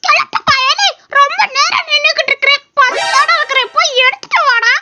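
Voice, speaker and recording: Woman doing a squeaky cheeky little boy. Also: fairly quick, heavily acted. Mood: demanding. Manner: demanding, whiny. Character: small cheeky village boy, greedy and whiny. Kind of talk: cartoon voice acting. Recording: loud background noise.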